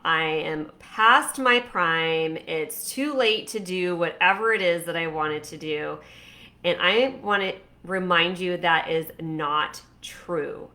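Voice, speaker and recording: A fashion stylist and coach in her forties speaks to camera in a chatty, rambling, encouraging way, full of fillers and restarts. Her voice sits fairly low, moves slowly, and has a sharp edge.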